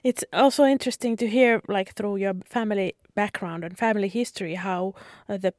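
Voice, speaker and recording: A woman co-hosting a podcast, asking the guest measured questions. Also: medium pitch, darkish tone, dry recording, clean studio sound. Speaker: podcast co-host. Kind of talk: podcast interview.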